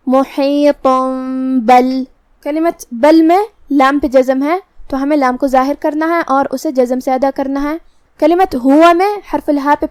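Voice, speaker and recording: Urdu-accented woman teaching recitation rules, high clear voice, dry close mic, patient and step by step. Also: darkish tone, no echo. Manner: patient, methodical explanation with slow drawn-out recitation examples. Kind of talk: tajweed lesson, explaining rules slowly.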